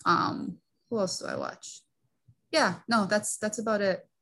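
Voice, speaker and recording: A woman's voice: medium pitch, unhurried, gravelly, fairly bright tone. A young woman from the Northeastern US, chatting and giggling as a podcast guest, saying "like" often. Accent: Northeastern American. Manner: giggly, talkative, uses "like" a lot. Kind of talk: casual interview chat.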